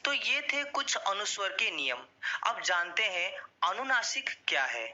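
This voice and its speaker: A teacher narrating a scripted grammar lesson in a measured way, spelling out example words one at a time. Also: medium pitch, sing-song, pushed and bright, dull audio.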